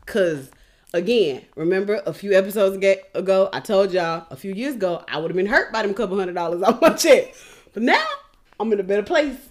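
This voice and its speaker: A woman's voice: medium pitch, expressive, a little fast, a little mellow. A woman in her thirties co-hosting a podcast, telling a story in a casual, slangy and blunt way, often laughing. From West Side. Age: 30s. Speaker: podcast co-host.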